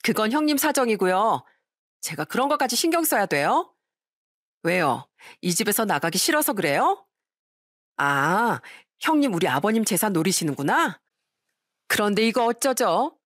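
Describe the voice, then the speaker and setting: A woman plays a rude, greedy young sister-in-law in a dramatized audio story. She talks with mocking, sly contempt at a middle pitch. The recording is dry and close. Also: big pitch swings, moderate pace, fairly bright tone, no echo. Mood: snide. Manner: mocking, snide.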